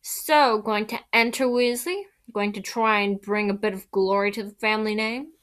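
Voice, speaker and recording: A spoiled teenage bully with a mocking, taunting edge, as a woman reading a storybook puts him on. He sneers through every line, pitched up and pushed louder than plain reading. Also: steady tone, normal speed, lightly acted.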